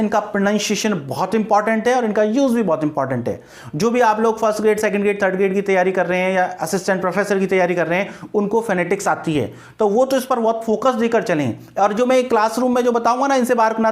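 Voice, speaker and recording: Man teaching grammar. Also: high-pitched. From India. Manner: spells words letter by letter and repeats answers. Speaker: English teacher. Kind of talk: exam-prep grammar lesson.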